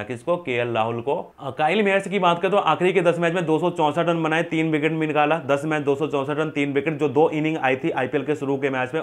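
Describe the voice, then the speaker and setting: Fast, unscripted and to camera, a medium-pitched young man runs through fantasy cricket stats, posing quick "who?" questions and answering them himself with animated hand gestures. He's on a lapel mic in medium framing, in an indoor studio with a printed backdrop.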